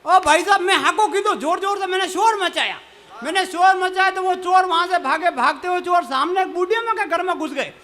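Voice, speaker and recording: A man's voice: very high-pitched, fairly quick. A man with a Mewari accent telling comic stories and reciting verse at a live poetry gathering. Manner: lively storytelling, chuckling. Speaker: stand-up comic poet.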